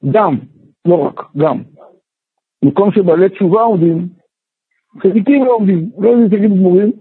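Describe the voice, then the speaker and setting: A man, a rabbi, teaching a Torah class in an animated way, firing rhetorical questions and sometimes shouting. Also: sits high, slightly rough, dry recording. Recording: tinny phone-like, dry.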